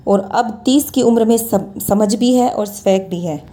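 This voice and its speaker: A woman's voice: a little high, measured pace, dark tone. A woman in her thirties giving a motivational talk, earnestly urging her listeners on. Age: 30s. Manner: earnest, exhorting. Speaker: motivational speaker. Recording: music behind the voice. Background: background music.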